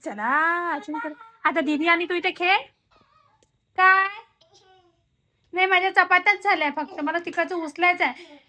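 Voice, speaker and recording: A woman's voice: very high-pitched, normal speed, pauses often, sharp tone. A mother chatting casually at home in her kitchen for a vlog, coaxing and playing with her toddler in a playful sing-song way.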